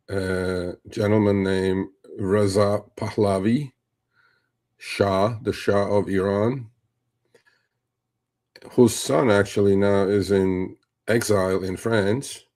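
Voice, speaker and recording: This is a middle-aged host from Turkey giving loose, chatty livestream commentary, wandering off into asides and packing in fillers. He speaks in a lowish voice with a darkish tone.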